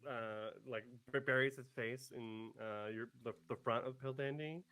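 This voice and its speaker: Male player, mid pitch, rambling in-character action descriptions. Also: fairly even intonation, moderate pace, pushed and bright, clear, resonant tone, poor audio. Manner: describes his character's actions with many fillers. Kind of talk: casual tabletop game chat.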